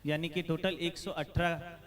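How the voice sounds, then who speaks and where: A man giving excited live cricket commentary as a commentator, with animated, drawn-out calls of the play. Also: fairly high pitch.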